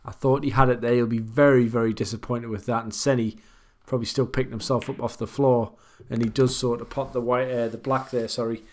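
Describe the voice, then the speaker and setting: A man's voice: mid-range voice, level tone, fairly quick, few pauses. Man casually commentating pool. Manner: conversational, thinks aloud about shots. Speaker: commentator for online pool matches.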